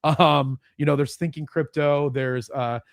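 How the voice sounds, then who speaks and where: A man's voice: fairly high pitch, fairly even intonation, unhurried, dry recording, studio quality. A man hosting a podcast in a casual interview chat, rambling a little, laughing often and trailing off mid-thought. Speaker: podcast host.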